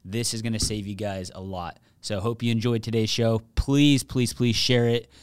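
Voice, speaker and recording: A man's voice: on the low side, steady tone, moderate pace, clean tone. A man hosting his own podcast, talking earnestly and directly to his listeners in a motivational solo talk. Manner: earnest, direct, addresses listeners as "you guys". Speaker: podcast host.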